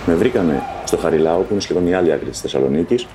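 A man candidly recounting his own life story in a loose, conversational way, often pausing with fillers. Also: deep voice, expressive, background noise.

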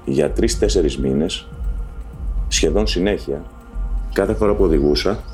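A man candidly recounting his own life story in a loose, conversational way, often pausing with fillers. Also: low voice, darkish tone, faint music behind.

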